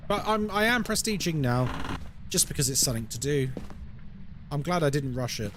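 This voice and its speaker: Over a noisy background, a fairly high-pitched London man talks at a moderate pace. He is an adult over 20 with a London English accent, live-streaming a game, explaining it and chatting with viewers as he answers chat.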